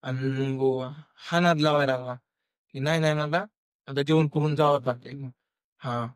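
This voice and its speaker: A young Marathi-accented man telling a true ghost story on a podcast, halting with fillers and restarts and acting out what people said. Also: medium pitch, fairly even intonation, clean tone, dry recording, clean studio sound. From India. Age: young adult. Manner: halting, many fillers and restarts, acts out quoted dialogue. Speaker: guest storyteller.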